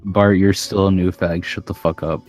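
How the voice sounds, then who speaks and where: A young podcast host with a very deep voice rambles through casual chat, crude and full of fillers. Faint music sits quietly under his talk. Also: little pitch movement, moderate pace.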